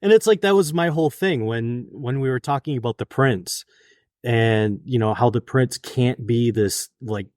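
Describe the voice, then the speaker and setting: A man's voice: medium pitch, normal speed, a little mellow, no echo, clean studio sound. A man co-hosting a tabletop game podcast, chatting casually and enthusiastically and laughing often. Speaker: podcast co-host and storyteller.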